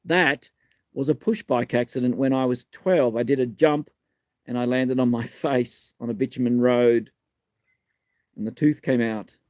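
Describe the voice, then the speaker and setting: A man's voice: medium pitch, fairly even intonation, a little slow, darkish tone, dry recording, clean studio sound. An Australian man in his fifties with a missing front tooth, speaking live in blunt, emphatic, sweary short phrases. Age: 50s. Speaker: live-stream host and community advocate. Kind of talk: live political talk, answering viewer questions.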